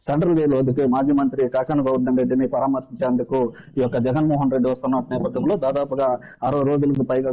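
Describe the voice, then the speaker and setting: Male field reporter, rapid but halting live delivery, muffled lo-fi broadcast feed. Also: mid-range voice. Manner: halting, repetitive delivery with false starts. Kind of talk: live on-the-spot news report.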